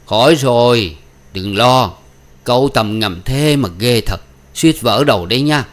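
A man's voice: mid-range voice, a little slow, close to an everyday voice. A man voicing a teasing old villager. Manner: teasing, chuckling. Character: older village man, teasing and good-humored.

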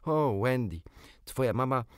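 A man reading a storybook aloud, voicing the eager young boy Peter Pan in a raised, lively boyish voice. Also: medium pitch, a little slow, smooth, no echo, clean studio sound, pitched above the performer's own voice, close to an everyday voice. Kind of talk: audiobook reading.

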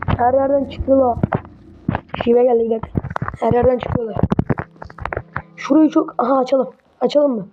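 A woman talks her way through a horror game, muttering and swearing whenever something startles her. Her voice sits high, and the home recording has clear background noise. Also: steady tone, normal speed, pauses often, muffled recording. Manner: jumpy, mutters to herself, swears when startled. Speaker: gamer playing a horror game. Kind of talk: casual horror game commentary.

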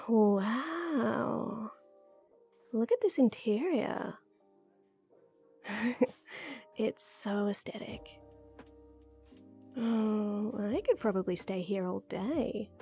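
Heavily acted and extremely slow with long pauses, this young woman's slightly high voice is gravelly yet mellow, over faint background music. She plays a teasing, giggly, hesitant friend with a secret crush in an intimate one-sided ASMR-style roleplay, cheerful throughout.

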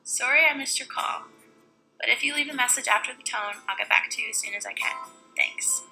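Woman doing a voicemail greeting, high and really bright, kinda gravelly, soft guitar under it. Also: a little fast, low-quality recording. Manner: polite, scripted greeting read over a guitar track. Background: soft guitar music.

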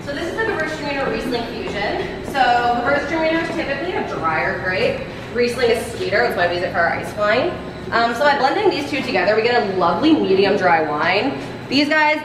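A woman's voice: fairly high pitch, noisy background. Woman tour guide in an echoey cellar. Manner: friendly, explanatory, upbeat. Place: winery cellar and tasting room, indoors. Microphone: vlogger's handheld camera from a distance. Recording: distant echoey cellar with long reverb.

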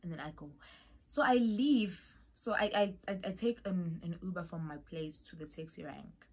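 A woman's voice: fairly low pitch, normal speed, darkish tone, husky. A young woman with a South African accent telling a dramatic storytime vlog, with whispered asides. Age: young adult. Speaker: vlogger.

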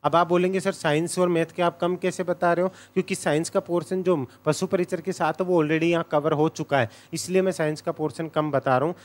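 A man's voice: on the high side, fairly even intonation, brisk, few pauses. A man giving a casual exam coaching lecture, direct and repetitive, often checking "okay?". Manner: direct, repeats points, says "thik hai" often.

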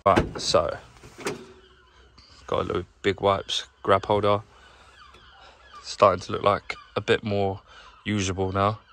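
A young man, a plumber, chatting casually to camera in a rambling, low-key way while tidying his van, filmed on a handheld phone. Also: level tone, slow pace, pauses often, fairly bright tone, slight background noise. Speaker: plumber vlogger. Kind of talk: casual vlog narration while working. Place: inside a work van, outdoors nearby.

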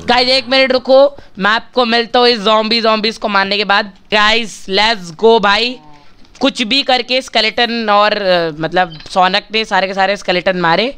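A man's voice: sits high, fairly even intonation, moderate pace, bright, forceful tone, faint music behind. A male gaming channel host giving chatty, casual commentary while he plays, talking straight to his viewers and bargaining with them for likes.

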